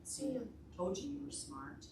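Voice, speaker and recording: A woman with a deep voice and a measured pace leads preschool storytime at a public library, teaching alphabet and counting songs and encouraging small children with praise and simple instructions. Her pitch swings widely, and the indoor room sounds echoey, with a distant mic and clear background noise.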